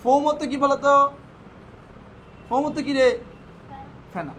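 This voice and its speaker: Speaking a little slowly in a very high, expressive voice, the same English teacher runs a vocabulary lesson, quizzing students and supplying the answers himself. The recording is rough, with faint noise behind him.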